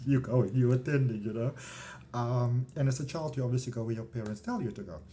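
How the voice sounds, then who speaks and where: A middle-aged man from the South African countryside, a spiritual vlogger and energy healer, talks to camera in a casual, rambling way, often trailing off into asides. His mid-range voice is brisk and warm, with a little hiss or hum in the recording.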